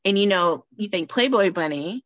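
A woman chatting casually on a podcast, telling stories in an animated way and laughing often. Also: medium pitch, moderate pace, no room sound, lo-fi sound.

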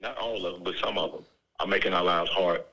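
A man's voice: sits low, steady tone, quick pace, gravelly, pushed and bright, breathy edge, poor audio. A man calling in from a prison phone, speaking fervently and often saying "you know what I'm saying". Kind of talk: impassioned phone call. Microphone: prison phone line.

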